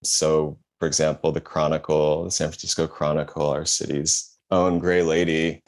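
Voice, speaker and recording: A man with an extremely deep voice hosts a casual podcast. He talks in a wry, loose way and reads press quotes aloud with dry side comments. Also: level tone, moderate pace. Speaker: podcast host.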